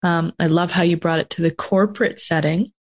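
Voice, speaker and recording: A woman's voice: fairly low pitch, fairly even intonation, brisk. A woman from North America who hosts a casual interview podcast and thinks aloud in long, reflective sentences. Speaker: podcast host.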